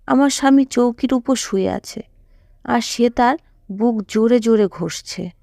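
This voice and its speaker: Gravelly woman narrating a sad story. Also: on the high side, measured pace, mellow, no room sound, studio quality. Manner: sorrowful storytelling. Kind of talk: first-person story narration.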